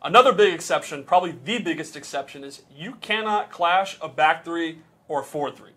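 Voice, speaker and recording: Higher-voiced man explaining game mechanics. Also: lively intonation, fairly quick, fairly bright tone. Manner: patient, walks through examples step by step. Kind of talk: casual technical explanation.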